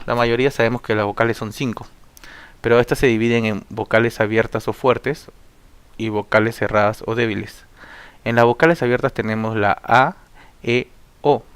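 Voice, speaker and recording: A man walks through spelling rules like a classroom teacher. He reads steadily from his notes and drops into a slow, deliberate dictation for each example word. His voice is smooth and clear, recorded close and dry with no room sound. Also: mid-range voice, dry recording. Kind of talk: spelling lesson read from notes.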